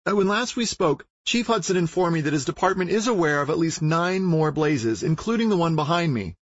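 A man voicing a frazzled female TV news reporter in brisk on-air delivery. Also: on the high side, expressive, no room sound, voice pushed up. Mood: urgent. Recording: dull lo-fi recording.

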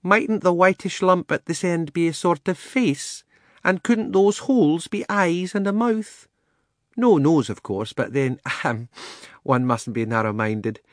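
Man doing a mild, high she-elephant. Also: unhurried, no echo, studio quality, close to an everyday voice. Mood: musing. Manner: mild and thoughtful. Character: gentle, sensible she-elephant.

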